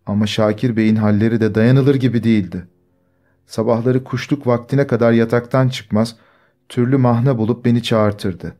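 A man's voice: mid-range voice, fairly even intonation, moderate pace, lightly acted. Man reading as a timid wronged young woman. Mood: quiet. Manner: quiet, timid, restrained storytelling.

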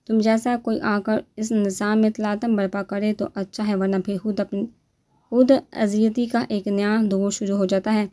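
A woman's voice: mid-range voice, level tone, mellow, natural voice. A woman reading as a scornful, bitter call girl. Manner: scornful, defiant. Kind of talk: novel reading.

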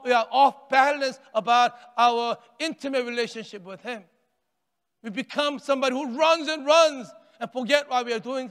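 An older man preaches from the pulpit of a large sanctuary, swinging from raised, emphatic lines to near-whispered ones. His voice sits unusually high for a man and sounds smooth and resonant. A long church-hall reverb trails behind each phrase. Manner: animated preaching with wide arm gestures, rising and falling intensity; repeats and restarts phrases, drops to near-hush on key words. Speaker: pastor. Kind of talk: sermon.

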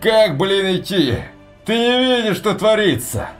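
A man voicing a brash male soldier who jokes and shouts, with a raised, lively voice. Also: fairly high pitch, moderate pace, soft background music, pitched above the performer's own voice. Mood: yelling. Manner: shouting, exasperated.

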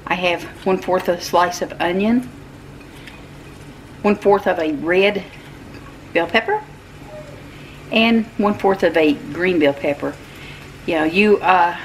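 Recorded by a distant camera mic across the kitchen, with background noise, an older woman gives a casual cooking demonstration for her channel. Her voice is lowish, and she chats in a homey way through the recipe, with soft laughs and fillers.

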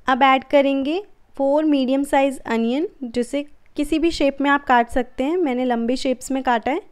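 A friendly, calm cooking channel host narrates a recipe in a step-by-step voice-over, her voice sitting high.

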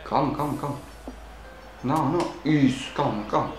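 Excitable Portuguese man, echoey room. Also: medium pitch, normal speed, slight background noise. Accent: European Portuguese. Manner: excitable, talks at the game and the referee, frequent exclamations. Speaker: gaming channel host. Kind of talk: playing a football video game and commentating.

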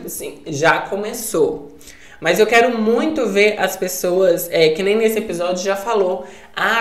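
Brazilian guy reacting to a show, gets all worked up, sounds kinda echoey in his room. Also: high-pitched. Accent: Brazilian Portuguese. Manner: excitable, gasps and exclaims at scenes. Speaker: reaction channel host. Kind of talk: TV episode reaction commentary.

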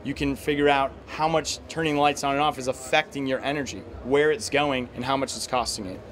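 A man in his thirties from the United States, a guest at a trade show interview, talking in a measured, upbeat way with many fillers, recorded at an indoor expo stand on a handheld mic. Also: medium pitch, steady tone, a bit bright, slight background noise. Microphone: handheld mic held by interviewer.

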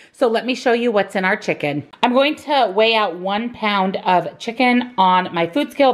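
A woman narrating her weekly meal prep in an upbeat, chatty voice-over, explaining each step as she cooks. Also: medium pitch. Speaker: meal prep vlogger and nutrition coach. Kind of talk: casual cooking voice-over.

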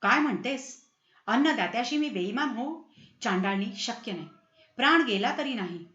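A woman's voice: on the high side, lively intonation, moderate pace, a bit bright, reverberant, highs cut off. Woman playing a passionate young prince. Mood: outraged.

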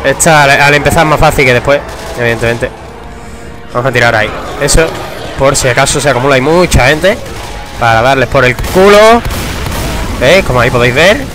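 A young man giving casual, excitable gameplay commentary, swearing and breaking into shouts. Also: medium pitch, a little fast, pauses often. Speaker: gamer. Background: game music.

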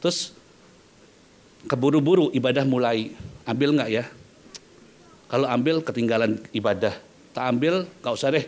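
A man preaching a sermon in church, lively and conversational, often calling out to his listeners with playful asides. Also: mid-range voice, normal speed, long pauses. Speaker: pastor.

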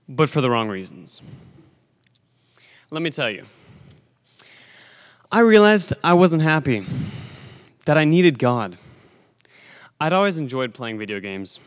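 A teenage boy with a medium-pitched voice gives a commencement speech as a graduating student, telling his own story earnestly with dramatic pauses. He stands at a lectern on a school gymnasium stage, speaking into a podium microphone on a stand, and the large gym adds long hall reverb.

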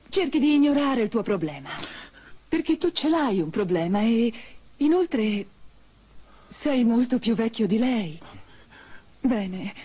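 An actress playing a sharp-tongued woman in a dubbed telenovela, cutting and mocking with a slightly breathy edge. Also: on the high side. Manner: mocking, cutting, then calming. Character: sharp-tongued woman who mocks a jealous husband.

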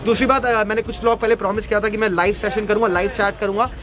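A man's voice: sits high, level tone, fast, crowd noise. An Indian man in his thirties hosting a casual street food vlog with an enthusiastic, exclaiming manner, switching between Hindi and English. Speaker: food vlogger and host. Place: outdoors at a street food cart area.

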